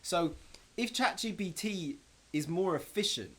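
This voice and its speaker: Bright-voiced playful male podcast co-host. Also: high voice, animated, unhurried. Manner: playful, jokey, acts out quoted lines. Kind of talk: casual chat.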